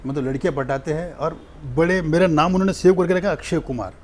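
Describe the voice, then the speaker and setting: Male comedian, animated storytelling, slightly high voice, light background hiss. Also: fast talker. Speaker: stand-up comedian and mimic. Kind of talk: casual interview chat.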